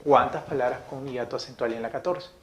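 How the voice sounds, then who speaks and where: A man teaching a grammar lesson, reading each example sentence slowly, saying it twice and checking in with his listeners. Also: medium pitch, steady tone, fairly bright tone, a little hiss or hum.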